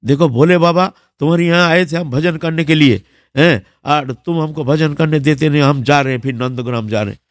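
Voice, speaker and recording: A man's voice: fairly high pitch, fairly quick, no echo, clean studio sound, close to an everyday voice. A man voicing a weary male ascetic saint who complains that he cannot pray in peace, told within a sermon. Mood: indignant.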